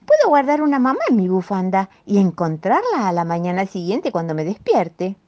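A woman's voice: medium pitch, sing-song, moderate pace, warm tone, lo-fi sound, lightly acted. A woman with a Rioplatense accent voicing an eager little bunny child in a raised voice. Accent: Rioplatense Spanish.

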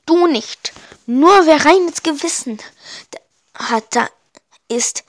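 A woman's voice: high-pitched, animated, slow pace, no room sound, studio quality, pitched above the performer's own voice. A woman reading aloud and voicing a cheeky village boy who grumbles and talks back.

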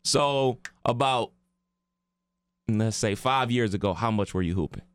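Smooth-voiced man bantering casually. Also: fairly low pitch, a little slow, no room sound. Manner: slangy, playful banter. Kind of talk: casual chat.

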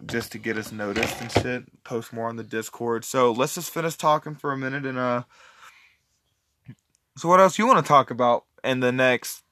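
A man's voice: mid-range voice, pushed and bright, no echo. A young man hosting a casual chat, profane and ranting. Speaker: podcast host.

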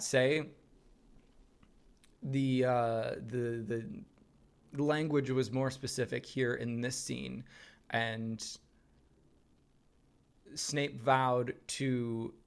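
A man in his thirties, co-hosting a podcast and chatting casually with an animated, storytelling manner. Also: mid-range voice, very slow, gravelly, pauses often. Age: 30s. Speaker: podcast co-host. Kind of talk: casual chat.

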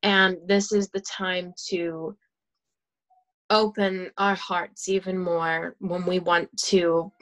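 A woman's voice: lowish voice, flat delivery, slow pace, fairly bright tone, rough recording. A woman in casual conversation about oracle cards and spirituality, chatty, with many fillers and frequent laughs. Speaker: guest.

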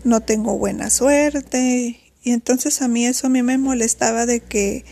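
Mellow, flat-voiced woman recounting. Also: on the high side, a little slow, creaky, a little hiss or hum. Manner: earnest, reflective, recounting at length. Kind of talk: personal storytelling.

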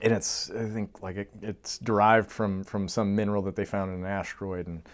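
A man in his thirties telling a story in casual chat, lively and laughing, acting out the voices of the people in it. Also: lowish voice, moderate pace. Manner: animated, acts out quoted voices, laughs often. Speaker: guest.

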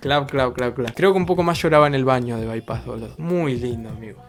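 A man's voice: mid-range voice, a little fast, over loud music. A young man with a Rioplatense Argentine accent, telling a story in casual vlog style, full of crude slang and acted-out quotes. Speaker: vlogger.

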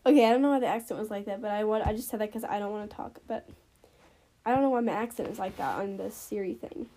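A woman's voice: mid-range voice, fast talker, mellow, slight background noise. A teenage girl vlogging casually while sick with a sore throat, rambling and complaining with lots of "like"s. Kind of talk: casual chat to camera.

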